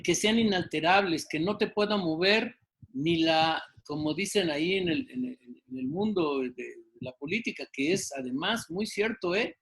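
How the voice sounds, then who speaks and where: A man, a guest exhorting listeners in a slow, emphatic, preacherly way with frequent fillers. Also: sits high, fairly bright tone, poor audio. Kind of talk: exhortation in an interview.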